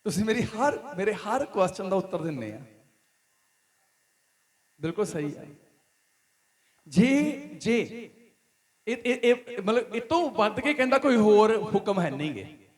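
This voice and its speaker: High-pitched man, Punjabi accent, preaching, emphatic questions, repetition. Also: sing-song, measured pace, long pauses. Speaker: pastor. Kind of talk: sermon. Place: church hall.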